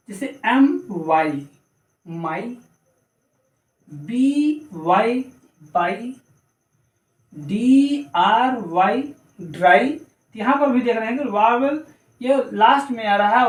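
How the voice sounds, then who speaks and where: Guy teaching a pronunciation lesson, spells stuff out slow and repeats it, mic kinda far off, echoey room. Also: high-pitched. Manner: spells words out letter by letter, repeats points. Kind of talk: explanatory lesson.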